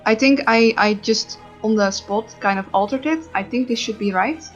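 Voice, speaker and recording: A woman's voice: fairly high pitch, moderate pace. Woman player, helpful, rules-minded, slightly muffled sound, music in the back. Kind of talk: casual chat during a tabletop game. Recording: slightly dull, lo-fi.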